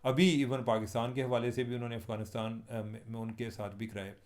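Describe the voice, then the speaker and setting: A man's voice: medium pitch, flat delivery, brisk, a little mellow. A man from Pakistan with a Pakistani Urdu accent, giving chatty, wry commentary to his viewers as a journalist on his own channel. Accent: Pakistani Urdu with Punjabi touches. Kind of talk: casual spoken commentary vlog.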